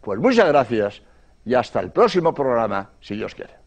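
A man, a priest, telling stories in a radio homily, repeating phrases earnestly and dropping low and soft when he voices prayers. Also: very animated, normal speed.

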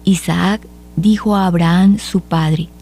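A woman reading scripture aloud at a measured, solemn pace for a liturgy. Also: lowish voice, steady tone, mellow, a little hiss or hum. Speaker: liturgical reader.

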